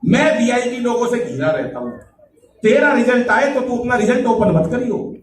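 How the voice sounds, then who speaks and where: A man's voice: extremely high pitch, lively intonation, moderate pace. A man with a Haryanvi accent doing live comic storytelling, chatty and teasing the audience, acting out voices in his jokes. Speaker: stand-up comedy poet. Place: live event hall with audience. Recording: echoey hall from far off, noisy crowd.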